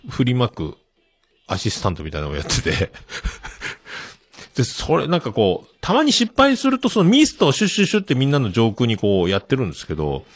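A man's voice: mid-range voice, wildly swooping pitch, brisk, husky, no echo. A middle-aged man hosting a show, rambling casually with many fillers and chuckling at himself. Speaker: show host. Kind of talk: casual solo talk.

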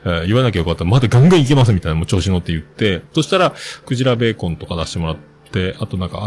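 A man's voice: mid-range voice, a little hiss or hum. A man with a hosting a casual solo talk show, rambling and chatty with many fillers.

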